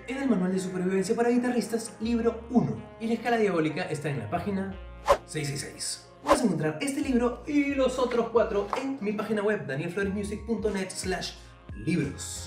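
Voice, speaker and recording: High-voiced man teaching guitar. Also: roomy sound, far from the mic. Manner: relaxed, explains step by step, addresses viewer directly. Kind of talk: casual video lesson. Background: faint guitar playing.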